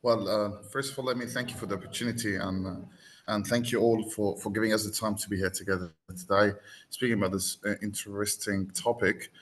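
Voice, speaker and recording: A man's voice: lowish voice, fairly even intonation, brisk, a little hiss or hum. A man raised in the UAE, talking reflectively as a podcast guest and explaining with everyday examples. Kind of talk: conversational panel talk.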